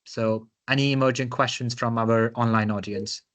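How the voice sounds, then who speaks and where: A man's voice: medium pitch, fairly even intonation, normal speed, a bit bright. Guy co-hosting, average voice, polite, just running the q and a. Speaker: session co-host. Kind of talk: moderating online questions.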